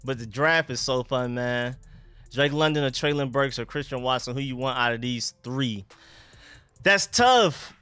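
A man's voice: mid-range voice, measured pace, sharp tone, clear, resonant tone, dry recording. A young man hosting a casual sports livestream in slangy, informal talk, his speech slightly impeded by a dental retainer. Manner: informal, slangy, repeats greetings and catchphrases. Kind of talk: casual livestream chat, greeting viewers.

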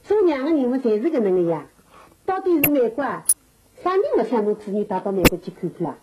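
A woman's voice: on the high side, big pitch swings, fast. An actress playing a pragmatic older grandmother in a TV drama, speaking with a Shanghai accent. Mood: persuading. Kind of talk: naturalistic television drama dialogue. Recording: dull, noisy old TV tape.

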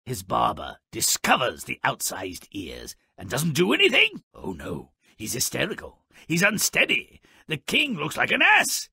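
A nasty little storybook imp narrating a game, gravelly and sharp-edged. His delivery lurches wildly up and down in pitch, slow and savored, full of sardonic glee and malice. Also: no echo, clean studio sound, heavily acted. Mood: mocking relish. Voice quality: gravelly, raspy. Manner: sardonic, exaggerated, relishing malice. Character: Grimm, gleefully spiteful, mischievous gnome-like storyteller creature. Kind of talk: theatrical scripted game narration.

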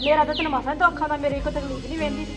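A woman's voice: high voice, level tone, over music, natural voice. Woman playing a jealous scolding mother-in-law. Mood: taunting. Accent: Punjabi. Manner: nagging, taunting, quick. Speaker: actor in family drama. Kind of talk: Punjabi village drama acting.

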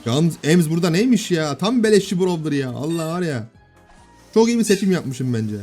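A man in his thirties at home giving casual gameplay commentary, bantering and often shouting at his kids. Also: on the high side, lively intonation, moderate pace, faint music behind. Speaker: gaming YouTuber and father. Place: home room.

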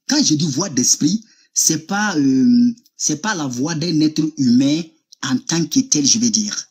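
A man's voice: fairly high pitch, darkish tone, husky. A man, insistently describing a voice he heard during a heated debate over a video call. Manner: insistent, describes with gestures on camera.

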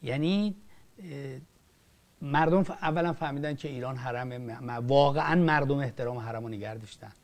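An older man, a film director, giving impassioned political commentary with emphatic rises and drops and frequent restarts. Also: mid-range voice. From Iran. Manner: emphatic, rising and falling sharply, frequent restarts.

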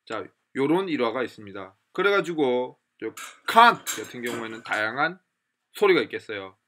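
A man with a Korean accent teaching English pronunciation in a lively lecture, repeating and drilling example phrases. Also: medium pitch, moderate pace, slight background noise. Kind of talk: lively classroom lecture with demonstrations.

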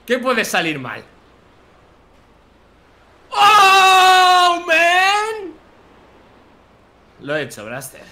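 Bright-voiced young man trash-talking a friend. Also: fairly high pitch, big pitch swings, a little fast, hardly any pauses, slight background noise. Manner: teasing, playful trash talk. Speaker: co-player, guest. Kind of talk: casual gameplay banter.

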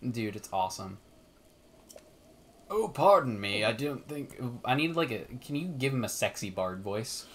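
A man's voice: medium pitch, sing-song, moderate pace. A man co-hosting a casual gameplay chat, joking around and giggling at his own bits. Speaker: co-host.

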